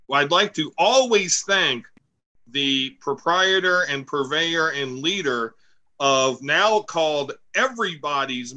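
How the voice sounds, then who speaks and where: A man hosts a casual political chat with jokes and rambling asides. His voice sits a little high and sounds bright and forward. He talks loosely and playfully. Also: rough recording. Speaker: podcast co-host. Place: home, recorded remotely.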